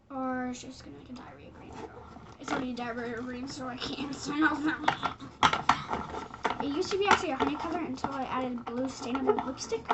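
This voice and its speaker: A woman's voice: high-pitched, very noisy. A young girl chatting casually while making slime, goofy, bossy and teasing. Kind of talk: casual chat.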